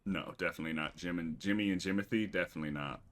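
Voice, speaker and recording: A man's voice: sits low, very fast, a bit bright. A man narrating as game master in a casual way, restarting often. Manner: casual, with frequent restarts and fillers.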